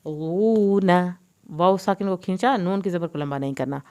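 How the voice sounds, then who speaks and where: A woman teaching Quran recitation, slowly drawing out verses and then briskly explaining pronunciation rules. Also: fairly low pitch, dark tone. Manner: slow drawn-out recitation alternating with brisk explanations.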